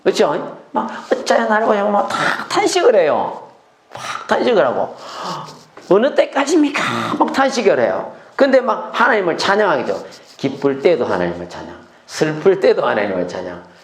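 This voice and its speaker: A middle-aged male pastor teaching scripture in a sermon, animated, asking the congregation rhetorical questions and acting out cries of lament in a sudden high voice. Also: normal speed. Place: church sanctuary. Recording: echoey church hall.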